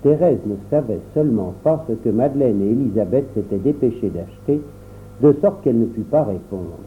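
A man narrating a children's novel aloud in a measured storytelling manner. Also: medium pitch, expressive, a little hiss or hum. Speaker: audiobook narrator. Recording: tinny phone-like sound.

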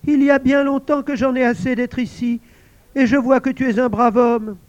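An invisible male servant spirit from a storybook, eager and devoted to his new master, played by a male narrator. His voice sits high and lively. The recording is dull and lo-fi with no room sound. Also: moderate pace, clear, resonant tone, no room sound.

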